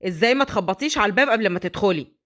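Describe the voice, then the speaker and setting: A woman voicing a cold, dismissive wealthy father who scolds in a low Egyptian voice. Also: lively intonation, very fast, fairly bright tone, natural voice. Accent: Egyptian Arabic.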